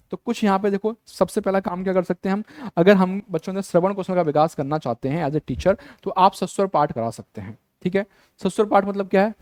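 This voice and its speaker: A man runs an exam-prep lecture in a fairly high voice, heard dry and close with no room sound. He keeps repeating the key terms and throws rhetorical questions at his students. He casually mixes English words into his teaching. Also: darkish tone, no room sound.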